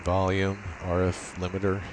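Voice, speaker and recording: An amateur radio demonstrator explains his equipment without a script, moving methodically step by step in a deep, low-pitched voice at moderate speed. Steady hiss and noise are plainly audible in the recording.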